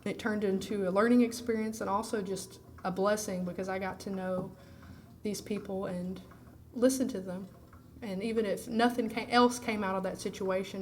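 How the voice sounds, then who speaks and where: A woman's voice: mid-range voice, slight background noise. A woman singer-songwriter with a groggy voice from allergies, chatting candidly and rambling between songs at an intimate live session. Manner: rambling and candid, full of "you know" and "like". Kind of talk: casual chat between songs.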